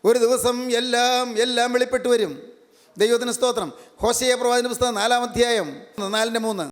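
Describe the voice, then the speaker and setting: An older man preaching a sermon, emphatic and repetitive, slowing down to stress key words. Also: very high voice, fairly even intonation. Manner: emphatic, repeats each verse phrase, slows on key words. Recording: long hall reverb.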